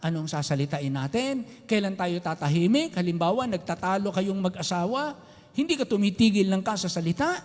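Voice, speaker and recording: A pastor in his later years, preaching a sermon in a lively, animated way, switching between languages. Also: very high voice. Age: older. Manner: animated preaching, mixing Tagalog and English. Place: church sanctuary. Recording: long church hall reverb.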